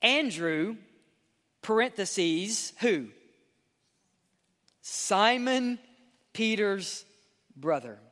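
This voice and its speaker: Male pastor preaching, high voice, bright forceful tone, reverberant hall. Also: animated, drawn-out words, long pauses. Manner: impassioned preaching, rising to high loud peaks and dropping to quiet endings. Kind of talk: sermon.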